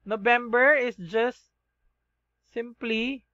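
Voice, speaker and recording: A man's voice: very high-pitched, pushed and bright, dry recording, highs cut off. A man with a Filipino accent teaching a shorthand lesson, spelling things out letter by letter and checking in with the class. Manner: slow, spells letters one by one, checks in with "okay?".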